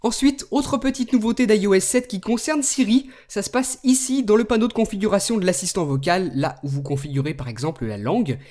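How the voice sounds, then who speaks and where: A man hosting a tech video, explaining a phone's features in a relaxed way and speaking commands to it. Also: high voice, fairly quick, hardly any pauses. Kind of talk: screen demo tutorial.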